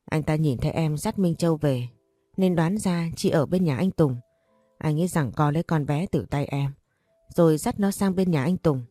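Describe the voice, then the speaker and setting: Tearful young woman friend, pleading and caring, low mellow voice, dry close sound, as read by a woman narrator. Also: normal speed, no echo, faint music behind.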